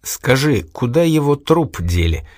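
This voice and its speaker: A man reading aloud and voicing a sly, stubborn young woman, raising his pitch in a coaxing, teasing manner. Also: very animated, unhurried, darkish tone, no room sound, studio quality.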